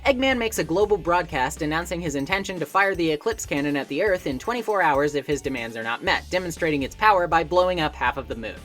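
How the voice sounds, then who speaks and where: Speaking fast with few pauses, a woman with a low, fairly bright voice and lively intonation narrates a scripted video essay. The video essayist and game reviewer sounds wry, articulate and conversational, backed by music.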